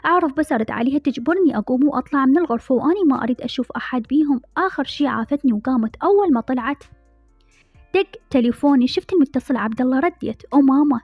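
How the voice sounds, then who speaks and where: A woman's voice: high voice, lively intonation, rapid-fire, no echo. A woman with an Iraqi accent narrating a novel aloud in intimate first-person storytelling. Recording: dull lo-fi recording with faint music.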